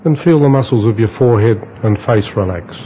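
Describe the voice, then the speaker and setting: A man guiding a relaxation exercise in a slow, hypnotist-like manner, with long pauses between instructions. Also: lowish voice. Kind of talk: guided relaxation narration. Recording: dull lo-fi audio with faint noise.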